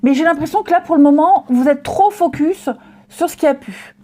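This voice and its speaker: A woman's voice: high voice, moderate pace, mellow. A woman giving a casual daily tarot reading, chatty and reassuring, with many fillers and restarts. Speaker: tarot reader.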